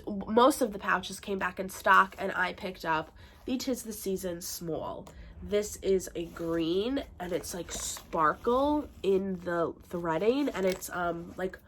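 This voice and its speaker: A young woman vlogging casually, showing off her collection in a chatty, gushing way with lots of fillers. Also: mid-range voice. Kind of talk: casual show-and-tell haul video.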